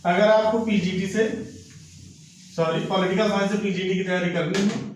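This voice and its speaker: High-voiced male teacher, echoey room. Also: steady tone, normal speed, a little hiss or hum. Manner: explains patiently, asks and answers his own questions. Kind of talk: exam coaching lecture.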